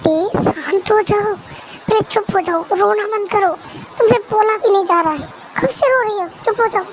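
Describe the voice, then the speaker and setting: Someone voicing a patient, caring young husband in a fan-made audio drama, soft and reassuring. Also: extremely high pitch, normal speed, background noise. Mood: soothing.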